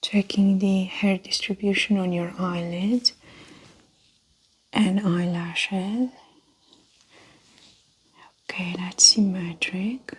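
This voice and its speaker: A woman playing a calm, methodical female doctor in an ASMR role-play, speaking in a soft breathy soft voice with gentle clinical narration. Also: medium pitch, slow, pauses often. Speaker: ASMR performer.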